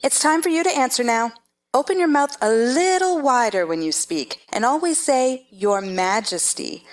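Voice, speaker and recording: A woman performs an imperious storybook queen in a theatrical dramatization. Her voice sits fairly high and swings widely in pitch. She is haughty and scolding, handing out clipped commands. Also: lively intonation, normal speed, soft background music. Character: haughty, bossy Red Queen, imperious chess-piece monarch.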